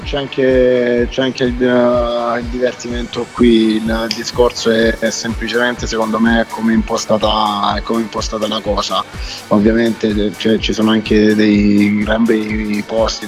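A young man with a southern Italian accent from Puglia, chatting casually as a club DJ guest, with brief, repetitive and hesitant answers. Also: on the low side. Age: young adult. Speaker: club DJ and music producer, radio guest. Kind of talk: casual interview chat. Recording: background music, remote link.

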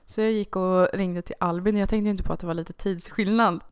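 A young woman chats casually on a podcast and tells a story, slipping into little performances of what everyone said. Her voice is smooth and clear, and the sound is dry and close. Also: mid-range voice, no room sound. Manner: animated, acts out quoted dialogue with "jag bara". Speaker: podcast co-host.

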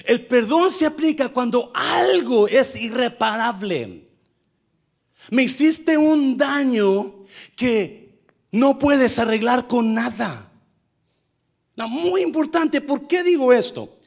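A man preaching a sermon to his church, animated, acting out what people say in shifting voices and dropping in English fillers. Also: very high voice, slow pace, gravelly. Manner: animated, acts out quoted speech in shifting voices. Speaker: pastor.

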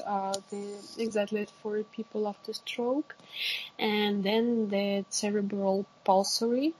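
A woman explains technical work in an interview. Her voice is husky and a little rough, and she speaks slowly, stopping and restarting as she hunts for English words. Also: mid-range voice, darkish tone, low-quality recording. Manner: halting, searching for words in non-native English. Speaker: interviewee, exoskeleton company representative.

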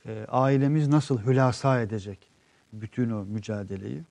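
A man co-hosting a casual live show, reading viewer comments and explaining at length in an earnest way, often trailing off with drawn-out fillers. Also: medium pitch, fairly even intonation, creaky, a little mellow, dry recording. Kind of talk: casual live-stream chat.

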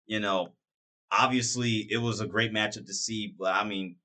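A man's voice: fairly low pitch, fairly even intonation, normal speed, bright, forceful tone. A man interviewing a former player, rambling and enthusiastic, with many restarts. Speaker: interviewer and radio commentator. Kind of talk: casual interview.

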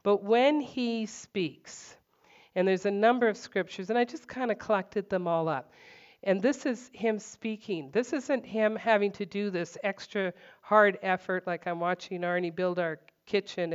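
A woman leads a casual Bible teaching at home, her voice smooth and clear. She speaks conversationally, full of fillers, and hits her points firmly. The recording is dull and lo-fi. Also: medium pitch, a little slow. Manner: conversational, emphatic, many fillers.

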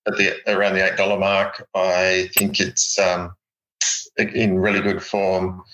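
A man's voice: low-pitched, completely flat delivery, measured pace, pushed and bright, dull audio. An Australian man giving horse racing tips and analysis in a casual, matey, plain-spoken chat. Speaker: horse racing tipster, co-host.

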